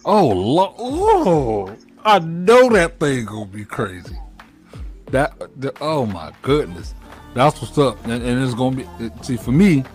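Over a video call from home, with music playing behind him and wired earphones as his mic, a late-30s man runs a laid-back, slangy interview, repeating phrases as he goes. His mid-range voice swings widely in pitch and moves a little slowly.

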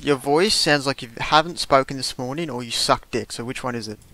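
A young man with a bright, forward voice trades crude jokes with his gaming friends over voice chat. He teases and rambles through long explanations at a mid pitch. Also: brisk. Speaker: gamer in voice chat. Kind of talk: casual gaming banter.

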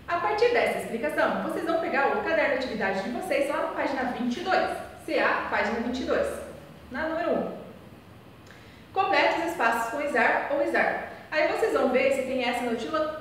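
High-voiced woman teacher in an echoey hall. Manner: asks rhetorical questions and answers them; spells out letters and repeats key points. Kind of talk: recorded remote class lesson. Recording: echoey hall, voice far from mic, faint noise.

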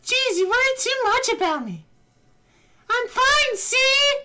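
A man voicing a bubbly high-school girl in a squeaky falsetto during a let's play. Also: sing-song, slow, very noisy, exaggerated voice. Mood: chirpy. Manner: squeaky falsetto, sing-song.

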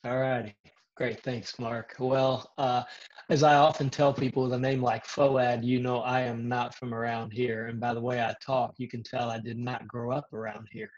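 A man's voice: mid-range voice, flat delivery, moderate pace, a little mellow. A man around sixty with a slight Southern US accent, a pastor telling his personal testimony in an earnest, casual way with frequent fillers, talking from his living room on a video call with earbuds. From Israel. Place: home living room, indoors. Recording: dull lo-fi video call audio.

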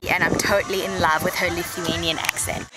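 Young woman vlog host over loud music. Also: on the low side, little pitch movement, fairly quick, low-quality recording. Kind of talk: casual vlog chat. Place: outdoors at a resort. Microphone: handheld camera at arm's length. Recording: loud music behind on outdoor camera.

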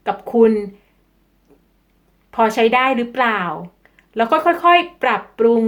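A woman's voice: fairly high pitch, a bit bright. A Thai-speaking woman teaching English-learning tips in a lesson, switching into carefully spoken English example sentences. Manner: slow, careful delivery with deliberate English examples.

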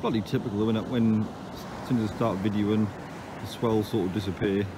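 Chatty angler on a windy beach. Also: male voice, lowish voice, steady tone, fairly quick. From England. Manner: chatty, down-to-earth, matter-of-fact with dry grumbles. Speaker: angler filming his own fishing trip. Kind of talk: casual running commentary to camera. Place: open beach by the sea, outdoors. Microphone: phone camera held by the speaker. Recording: outdoor phone recording with wave noise. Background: surf and wind.

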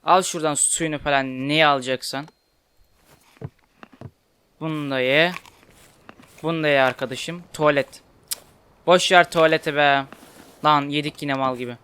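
A young man giving casual commentary while playing a game, chatty and quick to get frustrated and swear at it. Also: on the high side, fairly even intonation, bright, forceful tone, clean tone. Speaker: gaming YouTuber. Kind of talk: casual Let's Play commentary.

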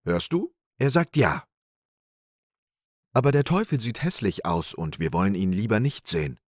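A man's voice: fairly low pitch, animated, normal speed, no echo, studio quality. A man voicing a sly, cheerful young peasant trickster in an audiobook fairy tale, in an eager, persuasive manner.

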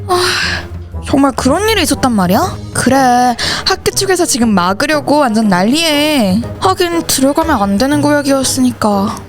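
A woman's voice: high-pitched, lively intonation, normal speed, faint music behind. A woman voicing every teenage schoolgirl character in a school horror story, switching between them in dialogue. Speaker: channel host and voice actor.

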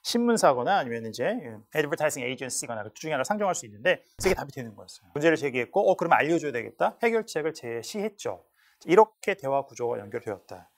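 A man's voice: mid-range voice, very animated, fast. A man teaching an English test class in a lecture style, repeating words aloud to model how they are said. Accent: Korean. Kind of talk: lecture explaining listening questions.

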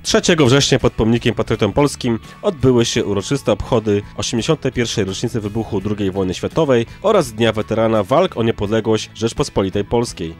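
A man's voice: fairly low pitch, fairly quick, hardly any pauses, a little mellow, soft background music. A man reading scripted narration for a local news report.

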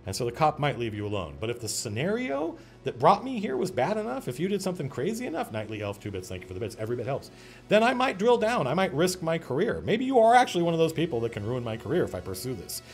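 Animated man talking game mastering. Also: fairly high pitch, fast talker. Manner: animated, digressive, frequent restarts. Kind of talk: casual livestream talk on game mastering.

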